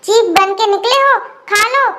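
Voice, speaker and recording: A very high, bright voice playing a bossy young cartoon wife with snappy retorts. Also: unhurried, a little hiss or hum, exaggerated voice.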